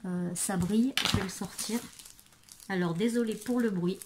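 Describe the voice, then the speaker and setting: A woman presenting craft supplies in a casual video, hesitant and full of fillers, murmuring softly while she handles things. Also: medium pitch, normal speed, background noise. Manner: hesitant, many fillers and restarts. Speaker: craft vlogger. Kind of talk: casual product show-and-tell.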